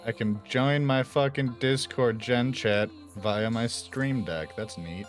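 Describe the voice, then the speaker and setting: A man's voice: medium pitch, slow pace, soft background music. Young man sounding like AM radio. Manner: laid-back, swears constantly, trails off mid-sentence. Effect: tinny AM-radio-like sound from picking up through a webcam mic. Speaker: streamer. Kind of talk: casual chat while streaming. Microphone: webcam mic by mistake.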